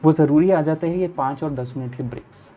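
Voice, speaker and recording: A young man from India talks through his study routine in a casual vlog. His voice is mellow and soft-edged, and his manner is easygoing and explanatory. He speaks straight to the viewer. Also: a little high, a little fast, slight background noise. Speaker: chartered accountancy student and study vlogger.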